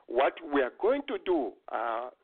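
Halting man moderating over a tinny call. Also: mid-range voice, sing-song, husky. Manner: halting, many fillers and restarts. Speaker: forum moderator. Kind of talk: hesitant online meeting chat. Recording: tinny phone-like call audio.

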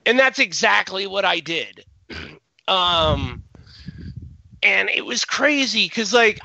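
A man's voice: high voice, creaky, pushed and bright, no room sound, muffled recording. A man hosting a casual podcast chat, rambling and restarting his sentences often. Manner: rambling, many restarts and repeated words. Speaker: podcast host.

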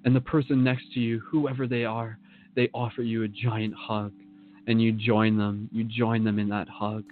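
A man leading a guided meditation in a slow, soothing manner, speaking to the listener in the second person. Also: fairly low pitch, little pitch movement, phone-quality sound, a little hiss or hum.

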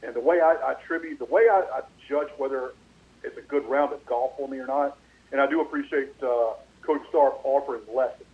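A man's voice: medium pitch, brisk. A man hosting a sports talk radio show, calling in on a phone line with an echo on his microphone and telling a rambling story with many fillers. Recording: echoey, dull, lo-fi phone line.

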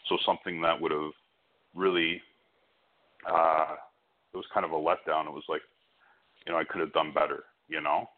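A man's voice: extremely low pitch, level tone, moderate pace, long pauses. A man giving a psychic hotline reading as a medium, speaking reassuringly and often checking that what he says resonates. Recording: muffled, band-limited call audio.

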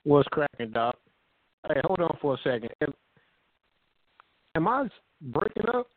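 A man's voice: a little high, big pitch swings, a little slow, a little hiss or hum. A man co-hosting a casual internet radio show, talking over a glitchy phone call that keeps breaking up, loose and profane. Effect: glitchy, breaking-up phone call audio. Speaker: co-host.

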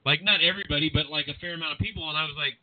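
A man hosting a boxing podcast, talking in a rambling, animated way with lots of restarts and fillers, with a General American accent. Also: on the high side, racing, no echo. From California. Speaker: podcast host. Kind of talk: casual boxing podcast chat. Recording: tinny phone-like line, dry.

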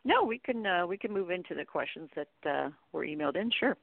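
This guest expert, a middle-aged woman who runs a training company, has a voice on the low side with vocal fry, lively intonation and a fairly quick pace. She answers in a conversational, rambling way, with informal anecdotes and acted-out dialogue. The phone-line audio is tinny and dry, with no echo.

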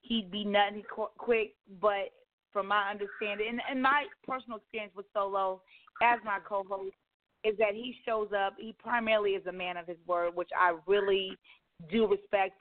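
Woman radio host, candid casual chat, hammers her points, kinda lo-fi sound. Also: mid-range voice. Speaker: radio talk show host. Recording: slightly dull lo-fi audio.

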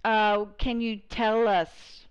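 A woman hosting a casual podcast, asking hesitant questions and reacting with soft interest. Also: mid-range voice, level tone, slow, smooth. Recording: dull lo-fi recording.

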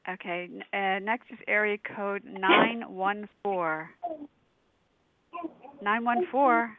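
Female show assistant, medium pitch, casual and brief, on band-limited phone-like audio. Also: takes it slowly, a little hiss or hum. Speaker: show helper handling caller lines. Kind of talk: casual, brief call handling.

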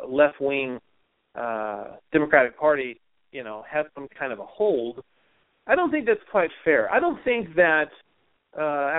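Male talk radio host, opinionated commentary, slightly high voice, dry tinny audio. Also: no echo. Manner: opinionated, rhetorical questions.

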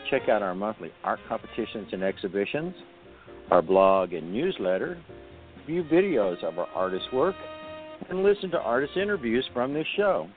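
Lively male host on a phone-like line. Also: medium pitch. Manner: scripted introduction then conversational. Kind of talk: radio interview hosting. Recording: phone-like sound with faint music.

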